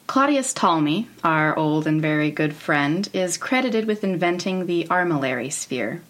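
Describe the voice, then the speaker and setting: American woman in her 30s doing an explainer podcast, low voice, kinda wry and candid. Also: lively intonation, moderate pace, a bit bright. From Oregon, United States. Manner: informal, wry, candid with casual swearing. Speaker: podcast host. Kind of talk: semi-scripted educational narration about space history.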